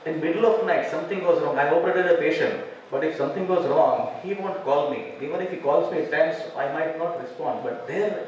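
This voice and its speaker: A man's voice: on the high side, darkish tone, slight background noise. A man with an Indian English accent, a surgeon giving a chatty, anecdotal talk to physicians at a medical conference. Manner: chatty, anecdotal, with frequent "you know" and "uh". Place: large conference hall. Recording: very echoey hall, voice from far off.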